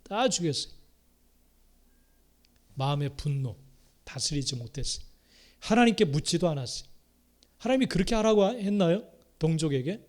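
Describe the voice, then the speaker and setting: A middle-aged Korean pastor from Chungcheong province preaches in a fairly high, expressive voice at normal speed, with long pauses. He repeats key phrases and swings between loud exhortation and quiet asides.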